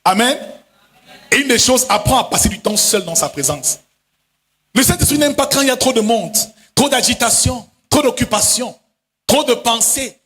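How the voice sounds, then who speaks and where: A male pastor preaching a sermon in a chanting, sing-song style, now and then breaking into shouted lines and quickly acting out other voices. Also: extremely high pitch, expressive. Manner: acts out voices in quick asides. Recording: long hall reverb.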